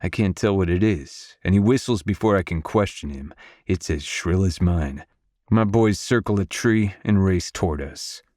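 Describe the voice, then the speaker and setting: A man narrating a romance audiobook in first person, in a gruff, brooding manner on a close studio mic. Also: deep voice, moderate pace, darkish tone, dry recording.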